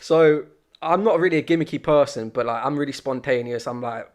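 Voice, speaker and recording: A man's voice: mid-range voice, fairly quick. A young man co-hosting a podcast, rambling through stories in casual chat. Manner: rambling, animated storytelling. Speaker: podcast co-host.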